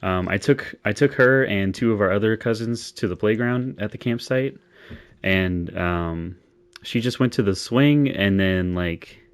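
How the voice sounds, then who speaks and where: A man's voice: fairly low pitch, unhurried, clear, resonant tone. A young man hosting a casual podcast, chatting loosely with lots of fillers and laughter. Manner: laughs often, many fillers. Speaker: podcast host. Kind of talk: casual chat.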